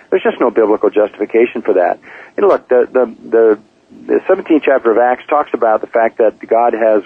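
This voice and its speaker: A pastor speaking on a radio program, measured and full of "uh" fillers, asking and answering his own rhetorical questions. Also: mid-range voice, breathy edge, dry recording. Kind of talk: radio Bible teaching talk. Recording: tinny phone-line radio clip.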